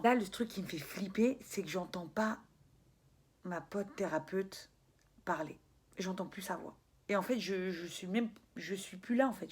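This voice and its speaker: A young woman telling a personal story in a casual, animated way, full of slang. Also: medium pitch, slightly rough. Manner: animated, slangy, laughs often, acts out voices. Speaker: spiritual vlogger.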